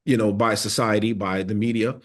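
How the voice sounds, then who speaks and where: Male guest, lower register, thoughtful and sincere, conversational interview delivery. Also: fairly even intonation, brisk. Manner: earnest, reflective storytelling. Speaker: podcast guest.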